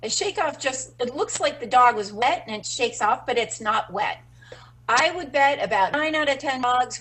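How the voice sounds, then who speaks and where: A woman's voice: on the high side, fairly bright tone, a little hiss or hum, rough recording. Woman explaining dog stress signals casually. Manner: explanatory, many fillers. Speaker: dog training instructor. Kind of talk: webinar lesson.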